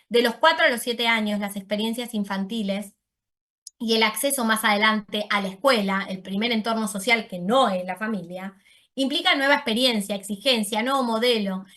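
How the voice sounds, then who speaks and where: Woman, online lecture; bright, slightly high voice, explains patiently and corrects herself. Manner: explanatory, uses voseo, self-corrects. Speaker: speech therapist giving a talk. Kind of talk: lecture to an audience.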